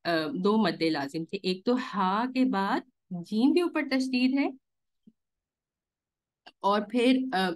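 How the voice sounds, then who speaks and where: Woman, slow deliberate delivery, online class teacher, patient stepwise explanations, video call mic. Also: medium pitch, animated. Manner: patient, explains step by step with frequent "theek hai" checks; stretches recited vowels to counted lengths. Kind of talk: live online class instruction.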